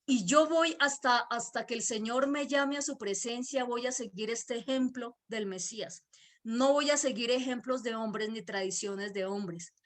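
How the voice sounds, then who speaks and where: A woman's voice: fairly high pitch, unhurried. A woman with a Boyacá Colombian accent preaching a virtual church sermon, emphatic, repeating key words and putting questions to her listeners.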